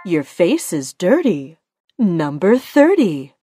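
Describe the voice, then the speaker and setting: A woman working as a bingo caller, announcing each call deliberately in short, separate phrases. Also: lowish voice, sing-song. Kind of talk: bingo calling with rhyming nicknames, announced number by number. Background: music.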